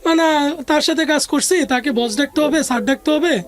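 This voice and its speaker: Music plays beneath a woman's high-pitched voice as she speaks at a moderate pace. Interviewed as a guest, she shares a personal story in conversational Bengali with a Bangladeshi accent, dropping in the odd English business term.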